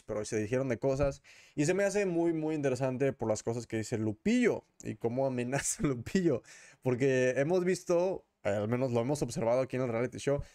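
Man, host of a reaction show. Casual, opinionated commentary, filler-heavy, ordinary mid pitch. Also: a little mellow, dry recording, studio quality. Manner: opinionated, with many fillers and tag questions.

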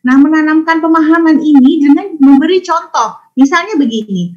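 Woman with a high voice explaining parenting tips point by point, dull lo-fi webinar sound. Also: normal speed. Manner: explains step by step, listing numbered points. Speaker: parenting educator. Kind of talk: webinar talk. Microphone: video call.

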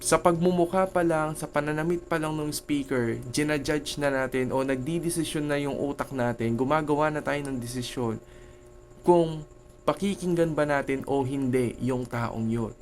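A man's voice: a little high, normal speed. A Filipino man with a Filipino accent, a teacher giving an online lecture in a conversational way, often checking in with "okay?" and "no?".

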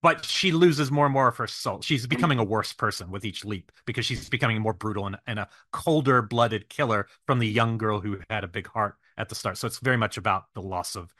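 Low bright-voiced man, casual film chat. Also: brisk, hardly any pauses, no echo, clean studio sound. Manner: thoughtful, restarts often. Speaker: podcast co-host.

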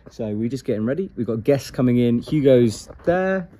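A man in his thirties, a climbing commentator, talking casually to a camera held at arm's length, chatty and upbeat by day and quieter when tired. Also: mid-range voice, moderate pace. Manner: chatty and upbeat, flat and tired late at night. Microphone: handheld camera at arm's length.

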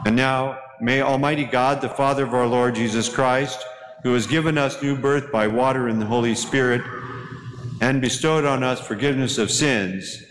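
Solemn priest in an echoey church. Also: male voice, medium pitch, steady tone. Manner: measured, solemn liturgical cadence. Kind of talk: leading a church service. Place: large church interior. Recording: echoey church hall with noise.

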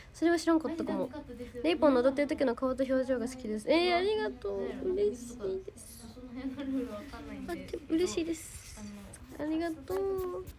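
A teenage girl from Hyogo with a Kansai accent, chatting casually on a livestream, reading out viewer comments and thanking fans by name. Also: sits high. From Hyogo, Japan. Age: teens. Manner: bubbly, thanks viewers by name, refers to herself by name. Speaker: idol livestreamer.

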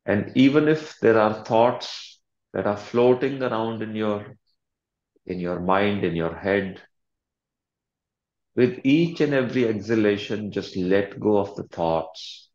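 A male coach talks listeners through a guided meditation, his soothing instructions delivered calmly and deliberately with lengthy pauses. His pitch is fairly low, the space is reverberant, and the recording is muffled.

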